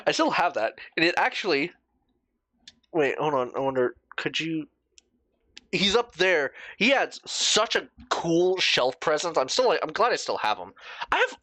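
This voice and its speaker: A man's voice: a little high, pushed and bright, no room sound. A young man doing casual reaction commentary as a YouTuber, swearing freely and laughing at himself.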